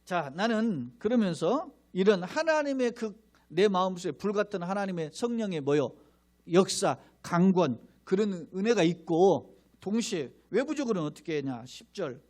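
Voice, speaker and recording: High-pitched man preaching emphatically. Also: expressive, normal speed, darkish tone. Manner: emphatic preaching, rhetorical questions to the congregation; acts out mocking crowd voices in asides. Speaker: pastor. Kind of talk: sermon.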